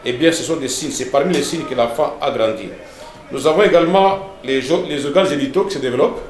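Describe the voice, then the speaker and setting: Pastor teaching in an echoey room. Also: male voice, mid-range voice, fast talker. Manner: didactic, repeats words and tags lines with "hein" and "n'est-ce pas".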